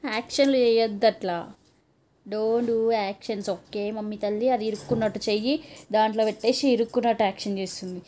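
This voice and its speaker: A woman's voice: medium pitch, fairly even intonation, a little fast, dark tone, a little hiss or hum. A mother with a Telangana Telugu accent filming her toddler at home on a phone, coaxing and teasing the child in playful sing-song baby talk. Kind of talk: home video chatter with a small child.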